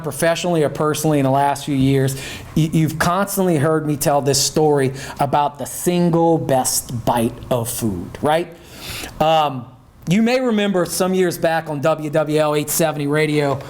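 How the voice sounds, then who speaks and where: A middle-aged man from south Louisiana hosting a casual chat show, folksy and emphatic, tagging his points with "okay?" and "right?". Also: fairly high pitch. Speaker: podcast host.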